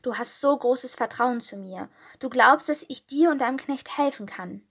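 A woman's voice: medium pitch, normal speed. A woman voicing Jesus as a patient, kind man in a storybook reading. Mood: gentle. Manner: gentle, patient.

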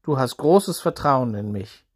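A calm, composed teacher speaking with quiet authority, put on by a man reading a Bible story. The voice stays close to his normal narrating voice, measured and even. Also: mid-range voice, slightly rough.

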